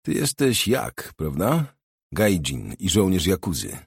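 A man reading the part of a restless, streetwise young woman who talks in a teasing, probing way, with a husky low voice. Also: wildly swooping pitch, takes it slowly, no room sound, clean studio sound, heavily acted.

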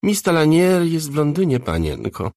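A man's voice: a little high, very animated, moderate pace, darkish tone, no echo, studio quality, pitched above the performer's own voice. A man playing a camp, fussy hairdresser. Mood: gossipy. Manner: camp, talks of himself in third person, scolding. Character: tall flamboyant male hairdresser, fussy and sly.

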